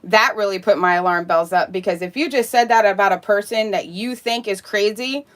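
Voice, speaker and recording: A woman's voice: medium pitch, brisk. A woman streamer talking casually, ranting in a heated, sarcastic and profane way.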